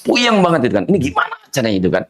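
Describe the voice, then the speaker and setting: Animated man telling teaching anecdotes. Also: mid-range voice, very fast, slight background noise. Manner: animated, mimics students' mispronunciations, laughs often. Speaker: Quran recitation teacher, guest. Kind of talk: casual conversational storytelling.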